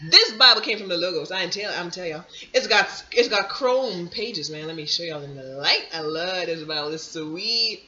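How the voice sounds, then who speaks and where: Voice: medium pitch, expressive, moderate pace, hardly any pauses, sharp tone. Rambling, preachy vlogger. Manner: rambling and digressive, with many restarts and asides; emphatic preachy slang, "let me break it down". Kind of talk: casual vlog monologue. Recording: dull lo-fi audio.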